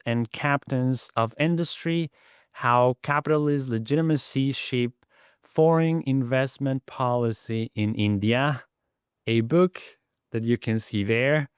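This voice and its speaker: A man hosting an academic podcast, asking polite and slightly halting questions. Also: medium pitch, smooth, no room sound, clean studio sound. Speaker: podcast host. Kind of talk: academic interview.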